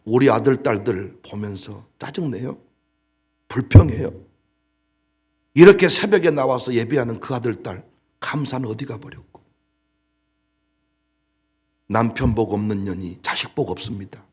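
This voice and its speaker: A man preaching a sermon as pastor, scolding and exhorting his congregation, shifting between loud bursts and low asides. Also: lively intonation, moderate pace, pauses often, slightly rough.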